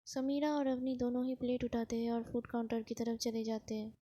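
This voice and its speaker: A woman telling a romance story in a chatty, casual way, slipping English words into her sentences. Her voice is soft and mellow and sits a little high. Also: monotone, a little fast.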